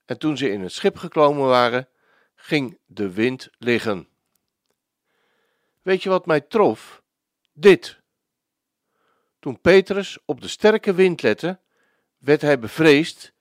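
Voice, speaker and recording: Man preaching a devotional sermon, slow and weighty delivery, pitch that rises and falls widely, dry close sound. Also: no room sound. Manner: slow, emphatic, with dramatic pauses.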